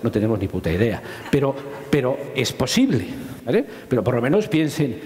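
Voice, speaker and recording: A man with a Spanish accent giving a lively public science talk, joking and asking his audience questions. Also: medium pitch, fairly quick. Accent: Spanish from Spain. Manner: jokey, asks the audience questions, swears casually. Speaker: microbiology lecturer. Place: large lecture hall. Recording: roomy hall with long reverb.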